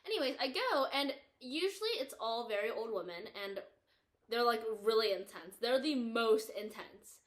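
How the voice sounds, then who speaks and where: A teenage girl co-hosting a podcast, chatting and telling stories in a lively way with lots of "like". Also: on the high side, normal speed. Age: teens. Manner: chatty, animated, heavy use of "like". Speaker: podcast co-host. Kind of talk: casual chat and storytelling.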